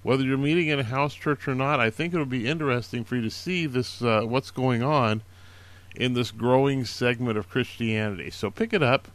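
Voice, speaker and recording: A man's voice: medium pitch, normal speed, no echo. A man hosting a casual show, recommending books in an earnest, encouraging way, with many fillers and restarts. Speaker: podcast host recommending books. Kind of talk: casual spoken book recommendations.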